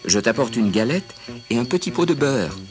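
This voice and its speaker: A man's voice: mid-range voice, sing-song, normal speed, pitched above the performer's own voice, lightly acted. A man voicing a sweet, innocent little girl in a storybook reading, in a raised, sing-song voice. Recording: music bed under voice.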